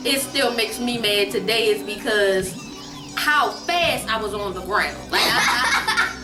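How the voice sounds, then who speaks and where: With music playing in the background, an adult woman spins a funny family tale in an over-the-top way, saying phrases again for emphasis. Her medium-pitched voice is sing-song and unhurried, picked up by a distant mic in a roomy space.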